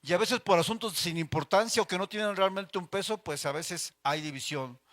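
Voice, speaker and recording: Middle-aged Mexican male Bible teacher, high bright voice, chatty, full of anecdotes. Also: a little fast. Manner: chatty and anecdotal, addresses listeners as brothers, acts out everyday voices. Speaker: church Bible class teacher. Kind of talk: informal Bible class teaching.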